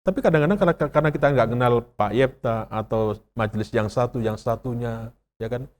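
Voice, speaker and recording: Indonesian pastor preaching in a reverberant hall. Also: male voice, medium pitch, fairly quick, darkish tone. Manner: conversational preaching, often asking the congregation questions. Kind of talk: sermon. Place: church sanctuary. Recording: long reverb of a church hall.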